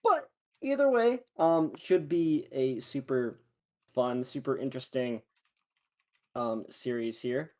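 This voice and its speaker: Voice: mid-range voice, expressive, takes it slowly, dark tone. An esports analyst giving casual pre-match commentary at the desk.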